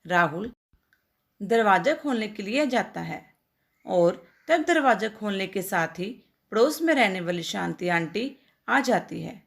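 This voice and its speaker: Slow, gravelly woman storyteller. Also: mid-range voice, animated. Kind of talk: scripted story narration.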